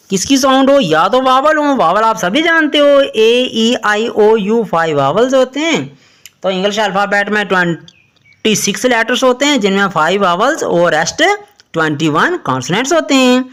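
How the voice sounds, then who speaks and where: Slow, lively Hindi-speaking woman teacher. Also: medium pitch. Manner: slow, spells out letters one by one and asks the listener questions. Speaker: English pronunciation teacher. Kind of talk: explanatory lesson.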